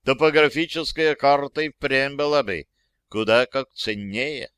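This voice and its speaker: A man's voice: medium pitch, unhurried, fairly bright tone, clean tone, dry recording, studio quality, close to an everyday voice. A man voicing a proud, stern army lieutenant who commands his men, curt and commanding, read in an audiobook. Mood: dismissive.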